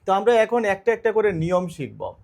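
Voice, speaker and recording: A man's voice: sits high, very animated, a little fast, creaky, darkish tone. A man with a Tripura Bengali accent teaching a grammar lesson, spelling out words letter by letter and asking questions that he answers himself. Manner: spells out words letter by letter, repeats key terms; asks the students questions and answers them himself.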